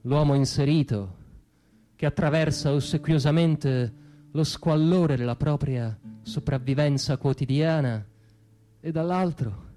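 A stage actor performs a declamatory spoken monologue in the teatro-canzone manner, full of insistent repetitions and deliberate pauses. Plucked guitar music plays behind his slightly high, warm voice.

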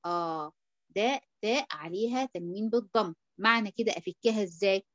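A woman's voice: mid-range voice, a little fast, no echo, highs cut off. A woman with an Egyptian accent teaching a tajweed lesson, who checks often that the student understands and draws out syllables to demonstrate them. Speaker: Quran recitation teacher.

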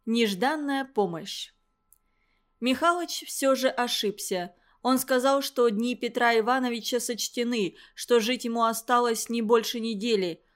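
A woman narrating a story in a steady, scripted reading voice. Her voice sits a little high for a woman. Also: a little slow. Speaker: audiobook reader.

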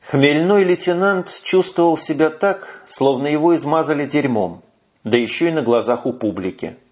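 A man narrating an audiobook in an expressive storytelling manner, on a muffled recording. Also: a little high, normal speed. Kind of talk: scripted narration.

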